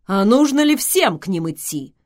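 A woman's voice: medium pitch, sing-song, moderate pace, a little mellow, close to an everyday voice. A woman voicing a grumpy, bossy male god who roars out indignant complaints. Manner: roaring, indignant outbursts.

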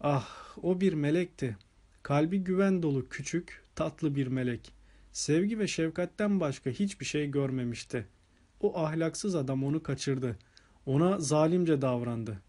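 A man's voice: a little high, dark tone. A man doing a sobbing Swedish nanny. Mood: tearful. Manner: sobbing, halting. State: crying. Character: grieving middle-aged Swedish nanny, tearful woman.

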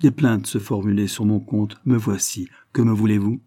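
A man voicing a frightened, gentle young noblewoman, his voice trembling and breathless. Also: on the low side, steady tone, normal speed, no room sound, studio quality, lightly acted. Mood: tremulous. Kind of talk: audiobook character voice.

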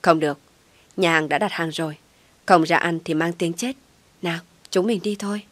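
A woman's voice: lowish voice, normal speed, no room sound, natural voice. A woman voicing a devoted young man who coaxes and pleads in an audio story. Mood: coaxing pleading. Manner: coaxing, pleading.

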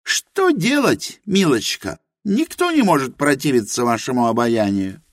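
A man's voice: mid-range voice, sing-song, unhurried, dry recording, clean studio sound, voice pushed up. Man voicing a proud, passionate young woman. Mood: earnest. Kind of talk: audiobook character reading.

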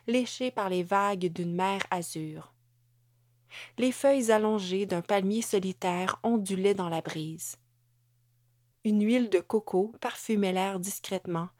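A woman narrating a novel as an audiobook in a measured, even storytelling manner. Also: mid-range voice, no echo, studio quality. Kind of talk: scripted narration.

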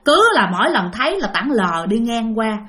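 A woman's voice: fairly high pitch, very animated, normal speed, pushed and bright. A woman with a Southern Vietnamese accent telling a ghost story, addressing her listeners directly.

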